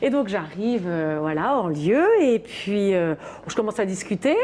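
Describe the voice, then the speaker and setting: Lively woman telling a story on the radio, kinda husky, does the kid's voice. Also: mid-range voice, a little slow. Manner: animated storytelling, acts out a child's voice. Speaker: parenting columnist. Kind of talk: telling an anecdote on a radio show.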